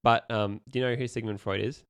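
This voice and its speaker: A man's voice: fairly low pitch, fairly even intonation, brisk, smooth, no echo. A young man co-hosting a casual podcast, rambling with lots of ums and restarts as he asks questions. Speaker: podcast co-host asking questions. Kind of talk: casual chat.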